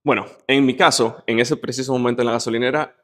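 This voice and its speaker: Speaking fast in a steady, slightly bright medium-pitched voice, a man from the Dominican Republic talks as an interview guest. His Dominican Spanish accent carries an emphatic, inspirational tone, and he leans on lists and rhetorical questions to develop his points.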